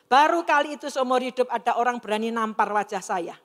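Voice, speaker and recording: A woman's voice: fairly high pitch, a little fast, fairly bright tone. A middle-aged woman giving an earnest personal testimony to an audience in a large hall, acting out the dialogue she quotes as she tells her story. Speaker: testimony speaker. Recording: long reverb of a large hall.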